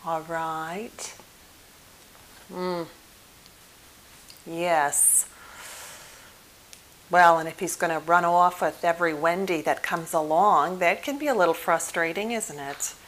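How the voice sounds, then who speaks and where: In an ASMR role play, a woman improvises a one-sided session as a polite, patient, attentive psychotherapist who is mildly flustered. Her lowish voice is hesitant and halting, gently courteous, with murmured acknowledgements. The low-quality recording carries a clear background hiss.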